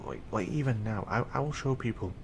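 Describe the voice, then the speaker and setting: A man's voice: on the low side, expressive, brisk, gravelly, noisy background. A man with an English accent commenting casually while streaming a speedrun, rambling with fillers and restarts.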